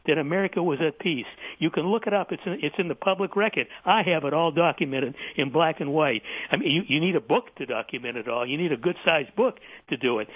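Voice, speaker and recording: A man's voice: a little high, no room sound. Earnest man, thin phone-line sound. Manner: earnest, insistent, full of restarts. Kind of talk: political talk radio commentary. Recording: tinny dry phone line.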